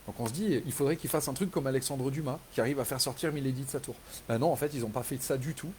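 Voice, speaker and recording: Man, casual live chat, mellow dark tone, rambling and enthusiastic, faint hiss. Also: medium pitch, quick pace, low-quality recording. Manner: rambling, enthusiastic, many fillers and restarts; animated when retelling scenes. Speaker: author hosting a live reader Q&A.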